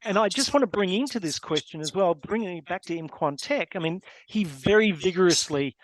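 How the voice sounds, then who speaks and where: Over a video call microphone with rough recording quality, a man moderates a webinar panel in a high-pitched, animated voice, a little fast. His long questions ramble and correct themselves as they go.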